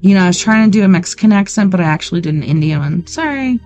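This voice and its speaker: A woman's voice: on the low side, expressive, quick pace, darkish tone, faint music behind. Blunt, sarcastic woman reading true crime. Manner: blunt, sarcastic asides with swearing. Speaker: weekend show host. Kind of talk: reading a true-crime book aloud with commentary.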